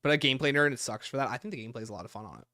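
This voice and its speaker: Bright-voiced male streamer. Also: medium pitch, very fast, no echo, clean studio sound. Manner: opinionated, reads and answers chat aloud. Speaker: livestream host. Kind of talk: casual livestream commentary.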